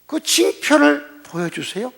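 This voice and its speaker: An older pastor voicing a frightened young farmer who pleads and protests during a sermon retelling. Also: male voice, extremely high pitch, sing-song, unhurried, vocal fry, a bit bright, voice pushed up, heavily acted. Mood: pleading.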